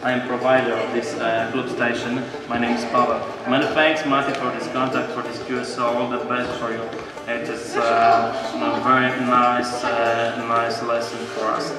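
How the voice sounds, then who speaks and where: A middle-aged man with a Polish accent, a native Polish speaker, giving radio calls in halting English and spelling out call signs as he coaches students. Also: medium pitch, little pitch movement, recorded from a distance. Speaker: amateur radio club operator and instructor. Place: large school hall, indoors. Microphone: distant camera microphone. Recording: echoey hall, off-mic, loud background sound.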